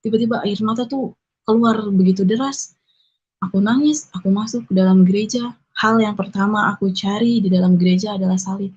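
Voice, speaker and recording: On a dull, lo-fi recording, a young woman retells how she came to faith, voicing the people she encountered with emotion and sincerity in a casual, story-like way. She speaks fairly quickly at medium pitch, with fairly even intonation, a darkish tone and a breathy edge.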